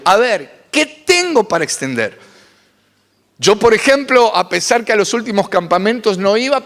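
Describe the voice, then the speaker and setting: Pastor, man, high and lively sermon voice, long hall reverb. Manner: animated preaching with dramatic pitch swings.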